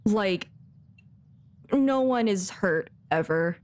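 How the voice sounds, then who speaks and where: Chatting while she plays a game on a livestream, this woman rambles in a playful, giggly way. Her mid-range voice is expressive and darkish, and she speaks extremely slowly.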